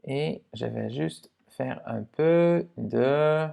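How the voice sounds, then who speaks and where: A man teaching Dutch pronunciation in a relaxed, casual way, explaining rules to the viewer with many fillers and checks like "ok?". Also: mid-range voice, very slow, vocal fry, muffled recording.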